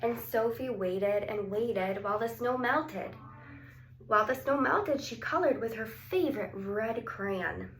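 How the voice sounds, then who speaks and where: A woman reads a picture book aloud to young children in a fairly high, slightly bright voice, going a little slowly. She draws out words and asks her listeners questions, and the recording has a roomy echo with some background noise.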